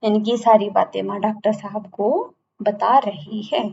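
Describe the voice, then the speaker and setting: A woman's voice: medium pitch, little pitch movement, moderate pace, vocal fry, darkish tone. A woman teacher explaining a textbook chapter to students, retelling each line again in simpler words. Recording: dull lo-fi recording, faint background hum.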